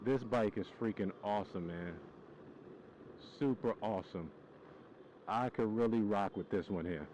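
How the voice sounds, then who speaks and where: A young man talks in a relaxed, slangy, upbeat way, his voice sitting a little low. He records outdoors on a phone, with motorcycle engines and steady noise behind him. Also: a little slow, long pauses, rough recording. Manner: laid-back, slangy and upbeat. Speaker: motorcycle vlogger. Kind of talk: casual vlog chat. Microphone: phone held at arm's length, helmet mic while riding.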